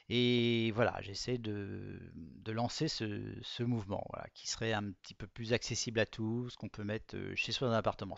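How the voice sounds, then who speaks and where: A man with a low, gravelly voice talks casually about his art, pausing often and restarting his phrases. The sound is dry and muffled, like a lo-fi recording. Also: dry recording. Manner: hesitant, many fillers and restarts. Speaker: artist presenting his work. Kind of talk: casual spoken presentation.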